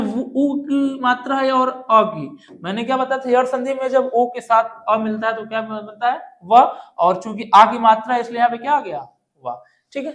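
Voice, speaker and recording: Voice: mid-range voice, a bit bright. A Hindi grammar teacher going through multiple-choice exam-prep questions step by step. The teacher often poses a question, answers it, and checks in with the students. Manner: explains step by step, often checking in with "ठीक है" and "दोस्तों"; asks questions then answers them.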